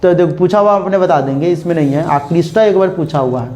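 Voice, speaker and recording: On a muffled recording, a young teacher with a Bihar Hindi accent and a slightly high, darkish voice runs a grammar class. Examples get spelled out slowly and words repeated, with constant "clear?" checks.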